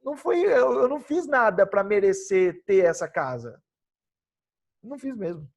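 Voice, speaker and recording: A youth devotional speaker with a Brazilian Portuguese accent gives an emphatic Bible lesson outdoors in his backyard, posing rhetorical questions and answering them himself. His high-pitched voice is creaky, with big pitch swings, at normal speed.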